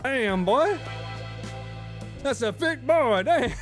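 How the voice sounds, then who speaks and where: A man with an Essex accent chatting casually on a livestream in a jokey, sweary, expressive way. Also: very high-pitched, very slow, faint music behind. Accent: Essex English. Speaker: streamer reacting to video edits.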